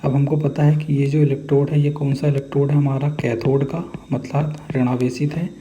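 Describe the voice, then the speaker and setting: A man's voice: medium pitch, flat delivery, a little fast, warm tone. A man with a Hindi accent teaching a chemistry class. He explains step by step, checks in often to ask if the class follows, and answers his own questions. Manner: explains step by step with constant "theek hai" check-ins. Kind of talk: chemistry lesson. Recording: echoey room with long reverb, faint background noise.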